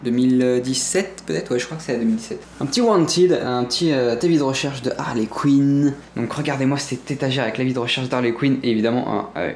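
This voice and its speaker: Here a gaming streamer, a young Frenchman, walks viewers through his setup with a mid-pitched, somewhat mellow voice and a light hiss or hum in the audio. He meanders, pauses and rephrases often, and teases his collectibles with obvious delight.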